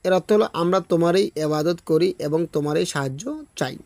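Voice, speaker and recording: Male Quran teacher in an online lesson, slightly high voice, dry recording, slow drawn-out chanting. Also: a little mellow, no echo. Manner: explains step by step, checks in with "okay?"; chants Arabic verses slowly and drawn out.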